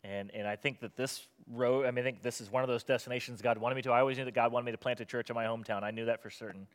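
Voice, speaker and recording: A man's voice: mid-range voice, steady tone, very fast. Male pastor, earnest sermon delivery with sarcastic asides, mid-range voice, long church reverb. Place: church hall.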